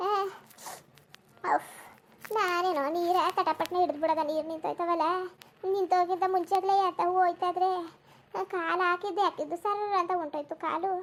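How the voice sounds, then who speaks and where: Girija, shrill bitter old mother-in-law. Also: fairly even intonation, normal speed, pauses often. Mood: moaning, self-pitying. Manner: wailing, moaning and cursing under her breath. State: in pain with a hurt back. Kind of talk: cartoon voice acting.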